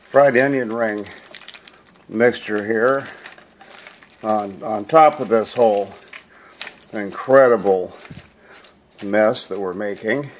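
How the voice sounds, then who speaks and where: A man's voice: lowish voice, takes it slowly, long pauses, a little hiss or hum. A man casually narrating a home cooking video in his kitchen, rambling and folksy with lots of fillers.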